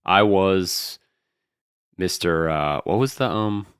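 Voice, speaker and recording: A man's voice: low voice, slow pace, fairly bright tone, clean tone, no echo, studio quality. A man co-hosting a podcast in casual chat, joking and laughing often as he rambles. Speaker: podcast co-host.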